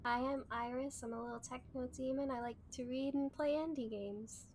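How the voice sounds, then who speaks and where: A woman with a fairly high, cute anime-streamer voice greets her viewers sweetly. Her delivery is soft and cozy, a little sleepy. Some noise sits behind her voice. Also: steady tone, moderate pace. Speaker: streamer host. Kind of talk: cozy livestream chat and reading aloud.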